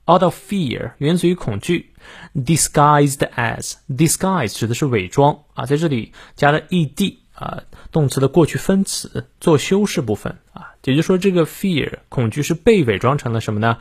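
A man giving a morning English lesson in Mandarin, explaining a quote phrase by phrase and reading the English lines slowly and carefully, with frequent fillers. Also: medium pitch, husky. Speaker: English teacher.

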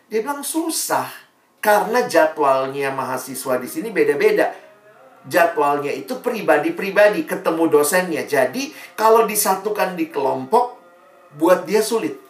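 A man in his forties preaching lively and conversationally, telling anecdotes to students. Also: fairly high pitch. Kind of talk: sermon-style talk to students. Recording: roomy echo, voice from far off.

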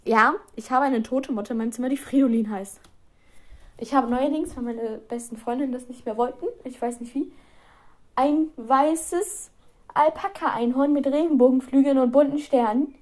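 A woman's voice: high voice, moderate pace, darkish tone. Giggly rambling teenage girl podcaster. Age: teens. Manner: rambling, self-mocking, giggly asides. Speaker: podcast host. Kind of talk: casual solo podcast chat.

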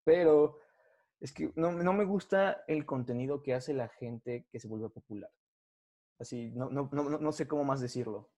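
Young Mexican co-host; mellow, dark voice, laid-back, slangy, opinionated. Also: male voice, medium pitch, normal speed. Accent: Mexican Spanish. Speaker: podcast co-host. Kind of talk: casual podcast chat.

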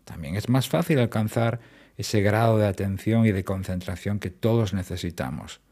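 A man hosts a solo productivity podcast, making his points emphatically and repeating key words. His voice sits on the low side, a little mellow, at a moderate pace.

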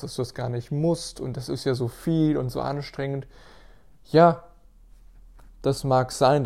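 A man's voice: mid-range voice, creaky, mellow. A man hosting his own podcast as a personal trainer and physiotherapist, talking earnestly and motivationally straight to the listener, often restarting his sentences. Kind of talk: casual solo podcast monologue.

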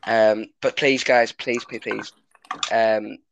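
A man's voice: fairly low pitch, fairly even intonation, takes it slowly, gravelly, muffled recording, slight background noise. A man hosting a football podcast in a casual, chatty way. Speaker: podcast host. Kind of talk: casual chat, moderating a football discussion.

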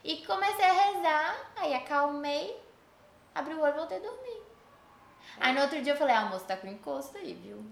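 A Brazilian woman telling her own spooky stories in a casual chat, animated and dramatic. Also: high voice, brisk, vocal fry. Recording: roomy echo.

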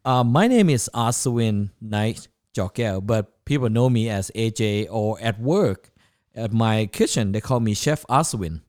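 A Thai man of around fifty, a chef appearing as a podcast guest, chats casually about his own life. His voice sits fairly low with a darkish tone, and he speaks expressively and without hurry, in English shaped by a Thai accent and non-native grammar.

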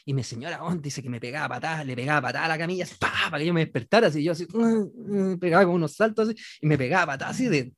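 A man's voice: on the high side, rapid-fire, hardly any pauses, a bit bright, no room sound, studio quality. A married man with a Chilean accent, telling a comic story casually and slangily to friends, acting out quotes and laughing often. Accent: Chilean Spanish. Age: adult, married. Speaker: storyteller in a group chat.

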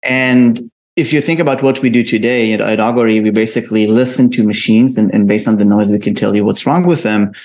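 A man's voice: fairly low pitch, fairly even intonation, fairly quick, darkish tone. A middle-aged man with an Israeli accent, a company founder answering interview questions, often restarting with fillers. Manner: many fillers and restarts, explanatory. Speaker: company co-founder and CEO, guest.

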